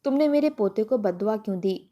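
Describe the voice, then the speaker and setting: A woman voicing a weary, grieving older mother who pleads and reproaches softly, mellow in tone. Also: medium pitch, expressive, natural voice. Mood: reproachful. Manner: pleading, sorrowful.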